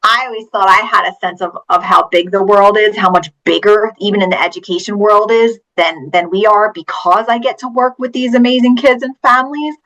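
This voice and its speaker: Bright-voiced woman teacher telling stories. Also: mid-range voice, steady tone, brisk, few pauses, poor audio. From Pennsylvania, USA. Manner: earnest, storytelling, emphatic. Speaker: teacher and author, interview guest. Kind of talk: interview answers.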